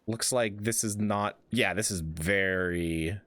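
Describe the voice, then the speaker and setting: A man's voice: fairly low pitch, slow, fairly bright tone, no room sound. A man streaming a game with casual, playful commentary, muttering asides and chatting to viewers. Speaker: gaming streamer.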